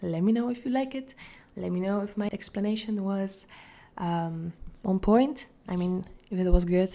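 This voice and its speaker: A young woman with a Polish accent, talking casually through a drawing tutorial, hesitant and repeating words, sometimes dropping into soft whispers. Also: medium pitch, moderate pace. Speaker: art tutorial host.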